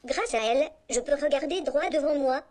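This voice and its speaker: On a conference stage, a courteous little humanoid robot runs through its prepared self-introduction at a moderate pace. The voice, clearly synthetic and coming from the robot's built-in speaker, is a woman's, high and chirpy, with a steady, mechanical rhythm typical of a scripted text-to-speech demo.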